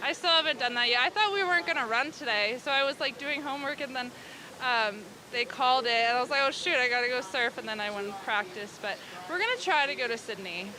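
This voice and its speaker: A young woman with a fairly high voice chats in a casual post-competition interview. She talks like a surfer, loose and conversational. A clear crowd is heard outdoors behind her. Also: animated, quick pace, low-quality recording. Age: young adult. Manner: chatty, frequent "like". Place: outdoors at a beach contest.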